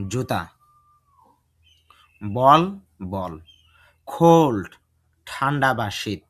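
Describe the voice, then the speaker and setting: Man, language teacher, very slow drilled delivery, mid-pitched voice. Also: a bit bright. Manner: slow, deliberate drilling of English sentences with translations. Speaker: English teacher. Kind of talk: bilingual language lesson.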